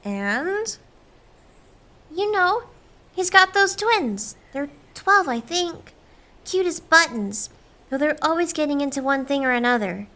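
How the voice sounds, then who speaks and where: A woman's voice: high-pitched, expressive, takes it slowly, pauses often, sharp tone, heavily acted. An actress playing a friendly, earnest, chatty small-town woman in a family drama. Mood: flustered, rambling. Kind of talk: acted family film dialogue.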